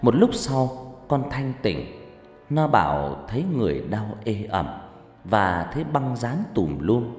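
A man narrating a first-person horror story in an expressive, dramatic way. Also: lowish voice, takes it slowly. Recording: echoey reverberant room, faint music.

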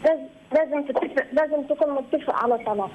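A young woman with an Egyptian accent rushes through her call at breakneck speed, pleading and circling back over the same words. Her voice sits high. It comes through a dull, muffled phone line. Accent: Egyptian Arabic. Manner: pleading, rushed, repeats herself. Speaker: caller seeking advice.

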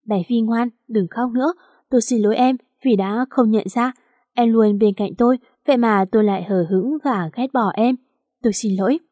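A woman voicing a remorseful, tender young man in a romance audiobook, speaking softly and apologetically. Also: fairly high pitch, moderate pace, dry recording, studio quality, lightly acted. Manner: soft, apologetic.

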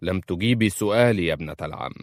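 A man's voice: sits low, very fast, dry recording, clean studio sound, close to an everyday voice. A man voicing a determined young Bedouin husband who speaks in terse, insistent demands in a storybook reading. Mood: impatient.

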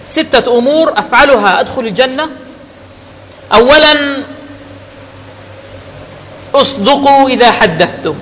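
A man's voice: very high voice, lively intonation, quick pace, hardly any pauses, fairly bright tone. Male preacher, emphatic sermon delivery, long hall reverb with faint noise underneath. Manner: emphatic, mixes formal oratory with colloquial asides. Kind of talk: Friday sermon. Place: mosque.

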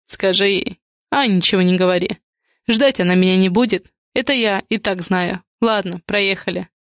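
A woman's voice: mid-range voice, moderate pace, fairly bright tone, no room sound, clean studio sound, lightly acted. A woman voicing a blunt, resigned son. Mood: grim. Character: grim grown son facing prison, resigned man. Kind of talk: audiobook character reading.

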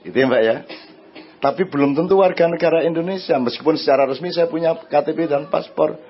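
A man with an East Javanese accent speaking to an audience. He answers their questions in a lively, conversational way and often asks them "right?". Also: fairly high pitch, fast, lo-fi sound, slight background noise. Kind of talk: religious and social talk before an audience.

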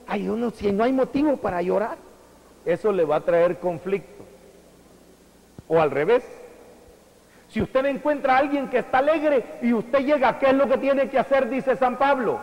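A high-pitched male preacher delivers his sermon slowly and deliberately, often leaping up in pitch and volume for emphasis. He keeps asking his listeners direct questions. His voice rings out in a hall with a long echo. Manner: emphatic, with sudden rises in pitch and loudness; addresses the congregation directly with questions.

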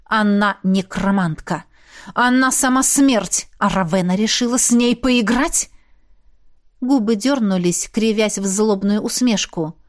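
A woman narrating a fantasy romance audiobook in a steady, expressive reading voice. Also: mid-range voice, measured pace. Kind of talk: scripted narration.

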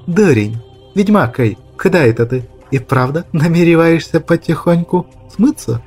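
A man's voice: fairly high pitch, animated, moderate pace, darkish tone, slightly rough, faint music behind. A man doing a sneering cruel huntress. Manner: sneering, hissing, mocking. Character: cruel, scornful female bandit huntress leader. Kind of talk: audiobook character voice.

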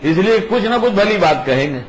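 An older man giving an informal religious talk, in a fairly high voice. He teaches in an emphatic, conversational way. He repeats key phrases over and over. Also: lively intonation, a little hiss or hum, rough recording. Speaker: religious speaker.

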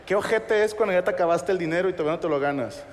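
A Mexican man doing a stand-up comedy set on a theater stage, with crude slang and quick acted-out voices. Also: high-pitched, long reverb tail, a little hiss or hum. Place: large theater stage, live audience.

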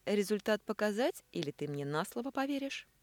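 A woman's voice: medium pitch, big pitch swings, brisk, no room sound, pitched above the performer's own voice, natural voice. A woman voicing a vengeful, scheming woman who taunts in a sugary, cold tone, reading an audiobook. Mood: taunting.

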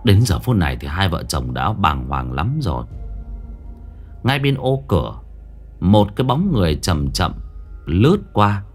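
A man with a low voice tells a ghost story, stretching out the tense moments with slow, dramatic pacing. His pitch rises and falls in a lively way over faint background music.

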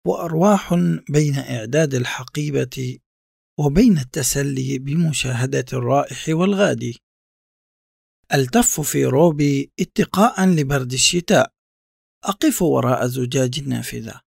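A man reading a reflective first-person literary text in a measured, contemplative way. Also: medium pitch, creaky, darkish tone, no echo, clean studio sound. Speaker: narrator.

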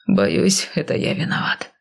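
A woman reading an audiobook who voices a calm, towering man with a gift for touching minds; he speaks gently and softly teases. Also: measured pace, natural voice. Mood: gentle.

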